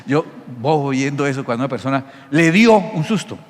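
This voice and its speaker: A middle-aged male pastor preaching a sermon, teaching in an animated, jokey way and often checking that listeners follow. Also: medium pitch, fairly quick, slight background noise. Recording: long hall reverb.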